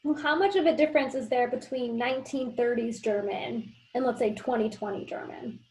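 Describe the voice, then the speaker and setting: A woman hosting an interview, asking brisk questions. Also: on the high side, a little mellow, poor audio. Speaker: interview host. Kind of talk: conversational interview.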